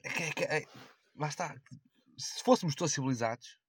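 A man's voice: a little high, a little fast, breathy edge, dry recording, studio quality. A young man with a European Portuguese accent, chatting casually in a crude, slangy way and rambling with repetitions. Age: young adult. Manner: crude, slangy, heavy swearing. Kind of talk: casual chat.

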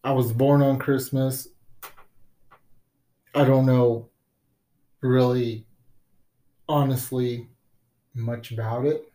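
A man's voice: mid-range voice, steady tone, takes it slowly, long pauses, dark tone. Rambling, joking man in casual podcast chat. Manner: rambling, joking, trails off mid-sentence. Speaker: podcast co-host.

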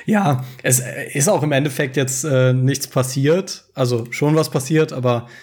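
A man trades easygoing, self-deprecating banter on a home podcast and laughs a lot. His microphone is overdriven, so his voice clips and crackles with distortion throughout. The setup is a budget home podcast mic with the gain set too high. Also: normal speed, a little mellow. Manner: laid-back, self-mocking, laughs often. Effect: clipping, distorted overdriven mic. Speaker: podcast co-host. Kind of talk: casual podcast chat.

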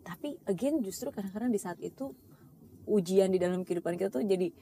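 A woman's voice: medium pitch, quick pace, warm tone, slight background noise. A woman hosting a casual conversation, reflective and mixing in English phrases.

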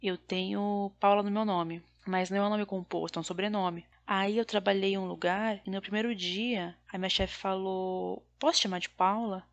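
A woman performing a stand-up comedy monologue in a wry, deadpan, exasperated way. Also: mid-range voice, normal speed, hardly any pauses, highs cut off.

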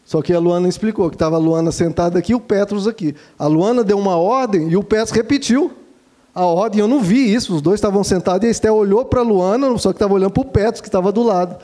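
A man, a father giving gentle, instructive parenting advice and warmly addressing his listeners. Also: high voice, fast. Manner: gentle and didactic, calls listeners "dear ones". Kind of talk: earnest advice talk to listeners.

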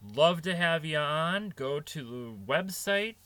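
A man's voice: a little high, animated, slow pace, bright, forceful tone, clear, resonant tone, no echo. A middle-aged man hosting a podcast, talking casually and earnestly as he tells stories about managing staff. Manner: earnest, anecdotal storytelling. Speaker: podcast host on restaurant management.

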